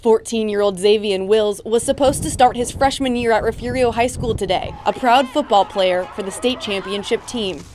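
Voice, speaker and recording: American woman reporting news, clearly noisy background. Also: a little high, moderate pace, few pauses, a little mellow. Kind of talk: scripted news narration.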